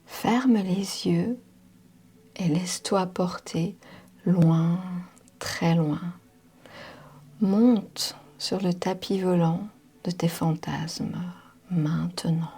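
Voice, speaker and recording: A woman leading a guided meditation in a soft, half-whispered voice, soothing, with drawn-out phrases and long pauses. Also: on the low side, husky. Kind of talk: slow guided hypnotic meditation. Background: music.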